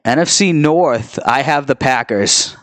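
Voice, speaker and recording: A man's voice: medium pitch, animated, unhurried, a bit bright, no room sound. A man co-hosting a casual sports chat, talking in an informal, slangy way. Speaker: podcast co-host.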